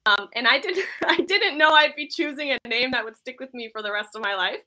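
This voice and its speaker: A woman in her thirties, originally from Iceland, talking as a guest on a podcast. Her voice is very bright and a bit high, and she chats casually and pokes fun at herself. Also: brisk, poor audio. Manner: chatty, self-deprecating, laughs easily. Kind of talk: casual interview chat.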